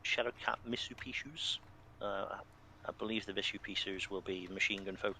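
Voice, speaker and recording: Guy casting a match, bright forceful voice, connection cutting out, choppy and dropping. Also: lowish voice, fairly even intonation, fairly quick, slight background noise. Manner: analytical, breaks down builds and tactics. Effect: voice cutting out over a bad online connection. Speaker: match commentator. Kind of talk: live esports co-commentary over voice chat.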